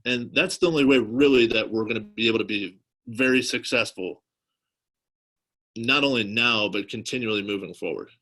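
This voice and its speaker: A man's voice: medium pitch, moderate pace, sharp tone, rough recording. A man giving an informal marketing presentation in a wordy, hesitant way, often saying "you know". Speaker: guest presenter on car dealership marketing.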